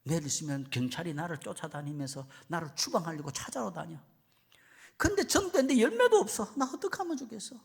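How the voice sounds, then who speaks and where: A preacher doing a worn-out male missionary, his voice climbing high and thin as he whines through his troubles. The figure sounds exhausted and pleading, pitched well above the speaker's own voice, in a told joke. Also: big pitch swings, quick pace, gravelly, husky, full character voice. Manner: whining, complaining, rising.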